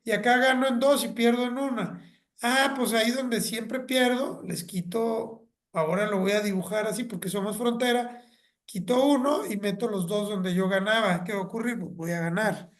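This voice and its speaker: A woman's voice: fairly high pitch, moderate pace. A woman with a Mexican accent giving a graduate lecture over a video call, explaining in a conversational way with homely examples and asides.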